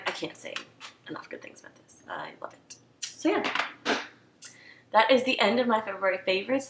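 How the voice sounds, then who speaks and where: A woman's voice: medium pitch, fairly bright tone, roomy sound, a little hiss or hum. A young woman, rambling chattily through a casual beauty product review. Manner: rambling, chatty, filler-heavy. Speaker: beauty vlogger.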